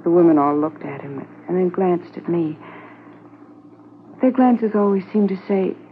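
In a muffled, noisy 1950s radio transcription, a woman plays a policeman's wife who is wistful, anxious, yet affectionate, in a reflective, conversational radio drama style. Her voice sits fairly low, with lively intonation and a slightly slow delivery.

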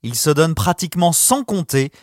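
A man's voice: fairly high pitch, big pitch swings, normal speed. A man narrating a news report in a scripted voice-over.

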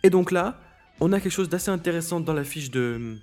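A man's voice: fairly high pitch, lively intonation, brisk, a little mellow, soft background music. A man hosting a podcast in casual solo talk, hesitant, with many fillers and restarts. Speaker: podcast host.

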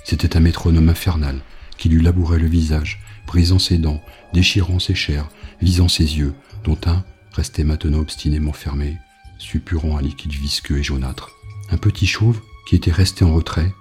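Deep dark-voiced male narrator. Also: steady tone, normal speed, faint music behind. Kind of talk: scripted audiobook narration.

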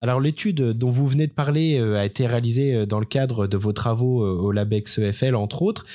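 A man's voice: mid-range voice, a little fast, mellow. A man interviewing a researcher, asking long questions with many hesitations.

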